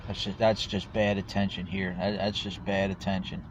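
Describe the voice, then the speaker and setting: A man's voice: sits low, little pitch movement, moderate pace, noisy background. A homeless man ranting to his phone camera outdoors, swearing a lot and restarting his sentences, on dull lo-fi audio. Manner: angry, swearing, stammering restarts. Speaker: homeless vlogger. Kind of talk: profane rant to camera.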